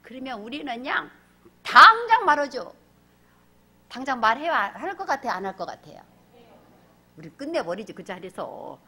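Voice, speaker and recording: Animated, high-voiced woman pastor preaching. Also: fairly quick, slightly rough. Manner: animated, acts out characters, asks the congregation questions. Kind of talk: sermon.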